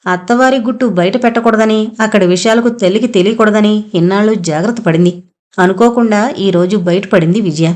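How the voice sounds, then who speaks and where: A woman reading an audio novel aloud, narrating in a steady, even storytelling manner. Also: medium pitch, fairly quick.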